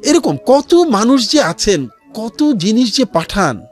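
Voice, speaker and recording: Very high and very animated yet slow, the voice belongs to a man with a Bangladeshi accent being interviewed in a radio studio. As the founder of a charity resale platform, he speaks earnestly in a storytelling manner, dropping in English phrases over faint background music.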